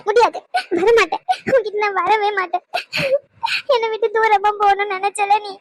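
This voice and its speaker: A woman voicing a tearful, fiercely devoted young female student who scolds fast while crying in a cartoon. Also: very high-pitched, no echo. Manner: scolding, crying, rapid-fire questions. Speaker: voice actor. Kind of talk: cartoon dub acting.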